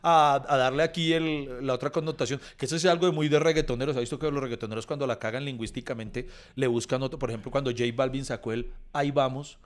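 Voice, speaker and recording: A man, co-hosting a podcast in casual chat, playful and quick to laugh. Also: medium pitch, steady tone. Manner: playful, laughs a lot, self-correcting. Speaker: podcast host.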